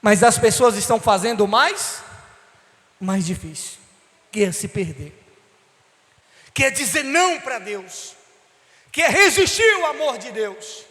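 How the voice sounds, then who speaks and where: A male bishop preaching an impassioned sermon, swinging between loud and soft. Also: sits high, lively intonation, a little slow, pauses often. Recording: long church hall reverb.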